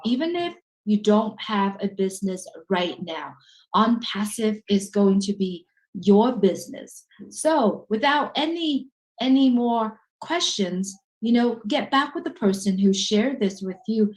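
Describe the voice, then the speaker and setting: A businesswoman co-hosting a webinar over a video call, speaking as a with an emphatic sales pitch. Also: lively intonation, unhurried, rough recording. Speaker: webinar co-host.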